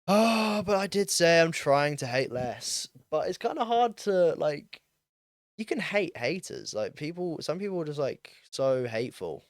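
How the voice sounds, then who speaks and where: Nearly twenty, this young podcast host delivers a casual solo monologue, rambling and self-deprecating with many ums and likes. His voice is smooth, dry and a little high, with no room sound.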